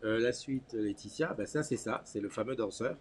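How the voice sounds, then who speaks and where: A man with a medium-pitched voice hosts a casual live morning chat. He talks informally and teasingly, often saying a phrase several times over. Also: moderate pace, a little hiss or hum. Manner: informal, teasing, repeats himself. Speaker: live morning show host.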